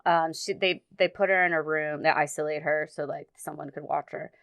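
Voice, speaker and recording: A young woman with a low, smooth voice tells a story as a podcast guest. She speaks in a halting, earnest way, breaking off and starting again. The sound is close and dry. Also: fairly even intonation, a bit bright, dry recording. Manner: halting, earnest, many restarts. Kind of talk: casual storytelling.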